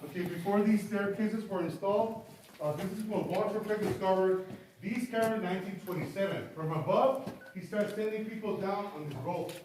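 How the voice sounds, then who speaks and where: Echoing cave guide, high-pitched man. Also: brisk, darkish tone. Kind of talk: spoken guided cave tour. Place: underground cavern. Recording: echoing cave, distant mic, faint noise.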